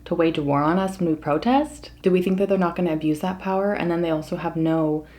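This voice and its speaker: A woman's voice: fairly low pitch, fast, darkish tone. An American woman talking casually to her viewers in an opinion monologue, earnest and emphatic. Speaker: mukbang vlogger.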